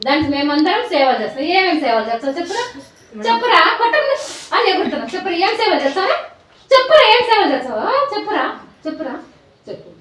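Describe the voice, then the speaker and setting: A woman playing a stern, mocking village schoolteacher, her high voice swooping up and down as she rattles off scolding after scolding. She sounds set back from the mic in a very echoey room, in a comic skit. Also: sing-song, fast talker, fairly bright tone, recorded from a distance, exaggerated voice. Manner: scolding, teasing, repeating commands. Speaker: teacher.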